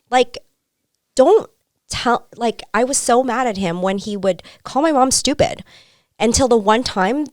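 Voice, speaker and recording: A loud, high-energy woman who swears freely, telling stories in a casual podcast chat. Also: no room sound, clean studio sound. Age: adult with a son.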